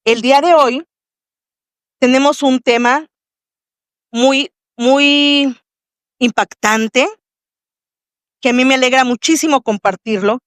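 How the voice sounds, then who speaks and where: A woman's voice: high voice, fairly even intonation, takes it slowly, long pauses, no room sound, clean studio sound. Mexican woman hosting a faith podcast. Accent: Mexican Spanish. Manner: warm, devout welcoming address to the audience. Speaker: podcast host. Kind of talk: faith testimony interview.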